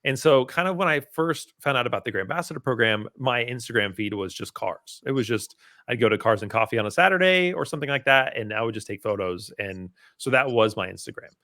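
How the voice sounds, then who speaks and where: A man, a podcast guest who details cars part time, talking in a relaxed, rambling way with lots of "you know" and "um". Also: medium pitch, brisk, no room sound, studio quality. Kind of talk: casual conversation.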